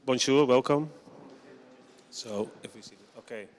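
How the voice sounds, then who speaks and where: A man's voice: medium pitch, measured pace. Man presenting in a reverberant hall. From Netherlands. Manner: steady explaining with many ums. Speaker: conference presenter. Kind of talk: conference presentation.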